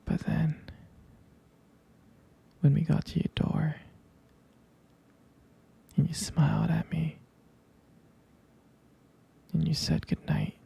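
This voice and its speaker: In an intimate ASMR roleplay, a man plays a devoted, smitten boyfriend, whispering breathily and huskily, hesitating and tenderly repeating phrases. His voice is a little high with a dark tone, slow and full of pauses, a full character voice. The mood is tender and wistful.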